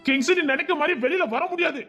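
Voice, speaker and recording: A man's voice: extremely high pitch, quick pace, soft background music, voice pushed up. A man with a Tirunelveli Tamil accent voicing an urgent, scolding older-brother ally in an audio story. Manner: pressing, scolding, rising to shouts. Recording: dull lo-fi recording.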